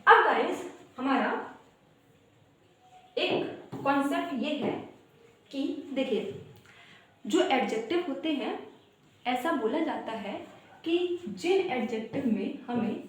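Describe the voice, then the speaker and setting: A woman's voice: high-pitched, animated, takes it slowly, pauses often. A woman teaching English grammar in an online coaching lesson, explaining step by step and chanting word lists. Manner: explains step by step, addresses viewers as "guys", sing-song word lists. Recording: very echoey room.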